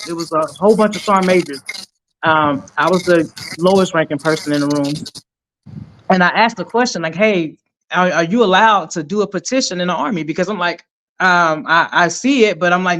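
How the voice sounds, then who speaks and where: A middle-aged woman, a retired army sergeant, telling her story in an energetic, emphatic way as a podcast guest. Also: fairly low pitch. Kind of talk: conversational interview storytelling.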